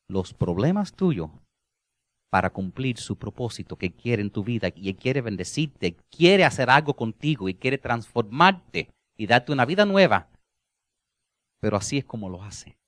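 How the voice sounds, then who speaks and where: Predicador animado, voz muy expresiva. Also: male voice, no room sound, studio quality. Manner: animated, sweeping from soft low endings to loud emphatic lines. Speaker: preacher. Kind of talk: sermon.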